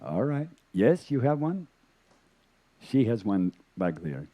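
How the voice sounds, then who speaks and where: A man teaching a yoga lecture to a live audience, telling stories in a deliberate, gentle way with chuckles. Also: medium pitch, lo-fi sound. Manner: animated storytelling, chuckles.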